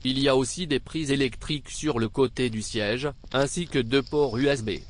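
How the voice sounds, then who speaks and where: A man's voice: mid-range voice, normal speed, a little hiss or hum. A man narrating a travel review in a casual, conversational style, as the reviewer himself. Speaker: train trip reviewer.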